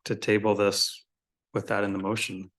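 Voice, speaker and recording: A man's voice: on the low side, completely flat delivery, normal speed, a bit bright. Joking, informal male meeting chair. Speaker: commission chair.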